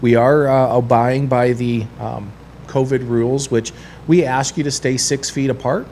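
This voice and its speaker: A man's voice: medium pitch, steady tone, normal speed, darkish tone, a little hiss or hum. A man who runs a sports collectibles store, talking on a radio show in a studio, chatty and rambling with lots of fillers. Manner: chatty, rambling, heavy on fillers like "you know" and "uh". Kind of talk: casual radio chat.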